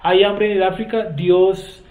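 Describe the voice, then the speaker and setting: A man's voice: high-pitched, level tone, a little slow. A man teaching a Bible study class, explaining word meanings and often putting questions to his students. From Colombia. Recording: echoey room, tinny phone-like sound.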